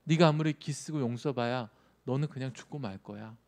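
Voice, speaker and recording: A man's voice: mid-range voice, a little fast, darkish tone, close to an everyday voice. A pastor voicing Satan as a sneering male tempter, mocking and needling in a youth sermon. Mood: taunting.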